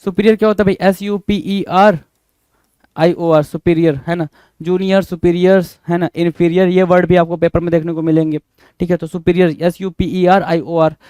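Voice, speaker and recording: A man's voice: sits high, level tone, normal speed, dark tone, clear, resonant tone, no room sound. Man spelling words letter by letter. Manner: repeats words and spells them out letter by letter, addresses viewers as "bhai". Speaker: English teacher. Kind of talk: exam-prep spelling lesson.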